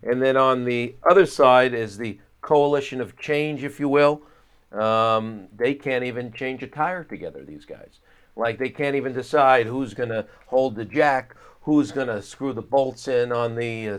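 A male guest analyst with a medium-pitched voice, giving conversational commentary in an interview. His delivery is wry and halting, often circling back to repeat words. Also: clean tone. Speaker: guest political analyst and pollster.

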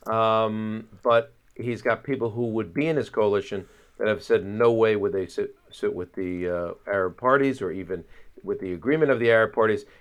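A man speaking as a guest political analyst in conversational interview commentary, wry, with halting repeats. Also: lowish voice, clean tone.

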